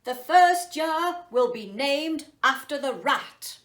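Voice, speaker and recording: A woman's voice: high-pitched, animated, takes it slowly, fairly bright tone, pitched above the performer's own voice, heavily acted. A woman voicing a grand, jovial, kindly male emperor who makes proclamations in a children's storybook. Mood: grand, celebratory. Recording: roomy echo, distant mic.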